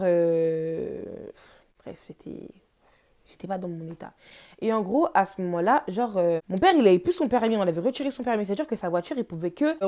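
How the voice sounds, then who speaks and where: A young woman vlogging at home, telling a storytime in a casual, slangy, animated way. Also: medium pitch. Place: home, noisy household.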